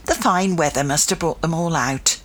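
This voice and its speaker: A woman voicing a cheerful older grandmother who is brisk and practical and fond of old sayings. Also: low-pitched, fairly bright tone.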